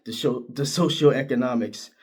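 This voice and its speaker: A man's voice: normal speed, breathy edge. A middle-aged man from Northeast Ohio giving casual, opinionated sports commentary, his voice leaping up when he gets worked up. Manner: animated, opinionated, pitch jumps high when worked up.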